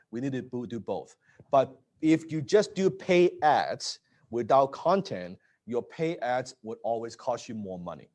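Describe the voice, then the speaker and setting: Late-30s man presenting live, energetic, mid pitch, checks in with the audience constantly. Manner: energetic, repeats words and asks "right?". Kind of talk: live-streamed business talk.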